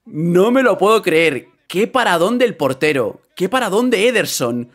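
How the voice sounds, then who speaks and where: Excitable man reacting to football. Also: high-pitched, unhurried. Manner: excitable, swearing, repeats phrases. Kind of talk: live reaction commentary.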